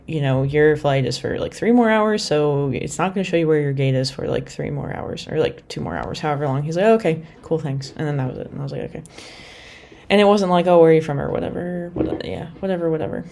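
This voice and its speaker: Speaking a little fast in a low, slightly mellow voice, this vlogger is a young woman from the United States. She chats loosely about her travels, leaning heavily on fillers such as "like" and "you know."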